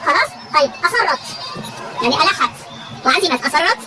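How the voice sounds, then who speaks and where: A woman teacher with an Egyptian Arabic accent runs a classroom vocabulary drill, repeating every question so the students answer back. Her voice is high and her pace is very fast. A loud crowd and steady noise fill the background. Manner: repetitive call-and-response questioning.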